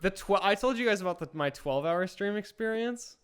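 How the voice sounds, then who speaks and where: A man's voice: sits high, expressive, brisk, a crowd in the background. A young man co-hosting a casual podcast, rambling through stories and swearing casually. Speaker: podcast co-host.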